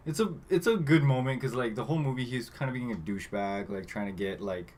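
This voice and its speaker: A man's voice: medium pitch, fast talker, darkish tone. A man co-hosting a podcast, casually retelling a movie plot with lots of "like" and loosely acted-out quotes. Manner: retells scenes loosely, acting out quotes with filler words. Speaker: podcast co-host. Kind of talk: casual movie recap chat.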